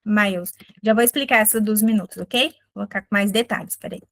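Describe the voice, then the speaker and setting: A woman's voice: medium pitch, no echo. Brazilian woman teaching English, dry sound. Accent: Brazilian Portuguese. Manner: explains patiently, says English example phrases slowly and clearly. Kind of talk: online English lesson.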